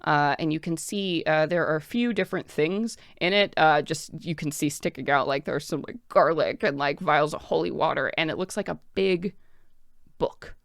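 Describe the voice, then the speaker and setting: Woman game master, low voice w lots of fry, casual n excitable, improvising the story, close dry sound. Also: normal speed, no echo. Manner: casual, excitable, filler-heavy. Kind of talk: improvised narration of a tabletop game.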